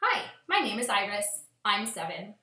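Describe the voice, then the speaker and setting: A woman reads a children's storybook aloud like a schoolteacher, telling the story expressively at a moderate pace in a mid-range voice. It was recorded at home in a roomy space.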